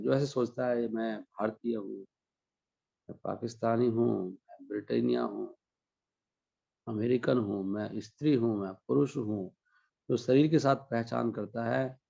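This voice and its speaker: Gravelly-voiced man giving a devotional talk. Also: mid-range voice, mellow, muffled recording. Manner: explains scripture verse by verse, chanting Sanskrit lines slowly. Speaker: spiritual teacher. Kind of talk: devotional discourse.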